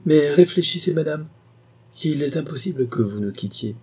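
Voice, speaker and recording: A man's voice: a little high, animated, moderate pace, dark tone, husky, pitched above the performer's own voice. A man voicing an agitated aristocratic marquis who speaks abruptly and emphatically, in an audiobook reading. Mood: pleading.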